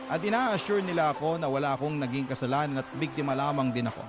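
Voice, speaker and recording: Talking fast in a fairly high, lightly acted voice, a man voices a radio drama letter as a heartbroken young mother. In the first person, she earnestly confesses how a married lover betrayed her, with music underneath.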